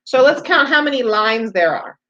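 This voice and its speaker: A preschool teacher reads aloud to young children in a high-leaning, animated voice at a normal pace, bright and forceful, though the audio is dull. She explains each step simply and patiently, repeating things often.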